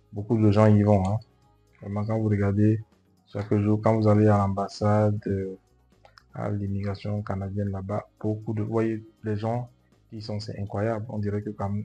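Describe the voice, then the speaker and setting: A middle-aged man speaks in a measured, reflective way. His voice is low, husky and dark, with a flat melody, and faint music sits underneath. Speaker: interviewee. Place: indoors, office. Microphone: lapel.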